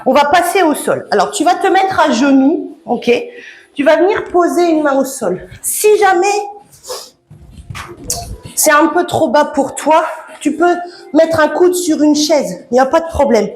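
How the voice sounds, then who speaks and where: A woman's voice: sits high, animated, unhurried, a little mellow. A woman coaching a home workout, chatty and encouraging, laughing often and slightly out of breath. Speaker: fitness coach. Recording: echoey room with background music.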